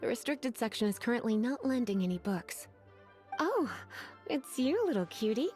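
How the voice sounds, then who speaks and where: A woman's voice: on the high side, big pitch swings, moderate pace, darkish tone, soft background music. A woman playing a teasing, languid librarian in an anime game, coy and flirtatious with a veiled menace. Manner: flirtatious, drawling, sighing, coy.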